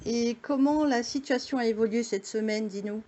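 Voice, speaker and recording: A woman's voice: on the high side, moderate pace, dark tone, lo-fi sound, a little hiss or hum. A woman hosting a show, greeting viewers in a chatty way and asking interview questions. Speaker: host.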